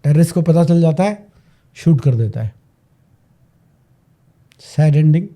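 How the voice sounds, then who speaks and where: A man tells a story on a podcast, dramatic and full of emphatic repeats. His voice sits high but sounds mellow and soft at the edges. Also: animated, unhurried. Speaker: podcast guest, parenting coach.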